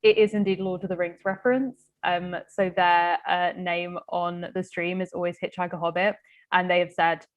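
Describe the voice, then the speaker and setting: A woman's voice: on the low side, steady tone, normal speed, dull audio. A young woman hosting a live book chat and reading viewer comments in a bubbly, rambling way. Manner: bubbly, rambling, filler-heavy. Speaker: host.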